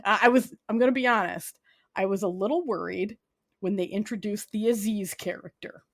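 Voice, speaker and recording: In a fast-ish, medium-pitched voice, a young woman co-hosting a podcast chats casually about a comedy show she's enjoying and recommends shows. She rambles, says "like" constantly and breaks into laughter.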